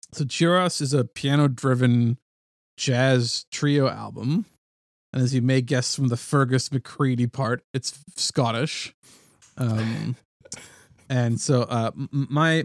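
A man's voice: mid-range voice, vocal fry, no echo. Man in casual music chat, dry close sound. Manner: hesitant, many fillers, laughs along. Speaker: podcast co-host.

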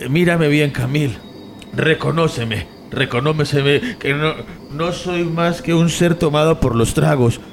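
A man's voice: a little high, unhurried, vocal fry, a little hiss or hum. A man playing a drunk, grieving man who rambles and slurs theatrically, in an amateur radio drama.

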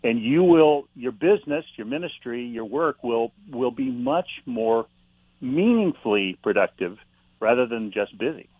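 A man talks in a calm, reflective way, with no hurry in his words. His voice comes through a dry, slightly dull line. He sounds like a guest on a faith-based talk program. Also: mid-range voice, unhurried, no echo. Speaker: author guest. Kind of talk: interview about faith and slowing down.

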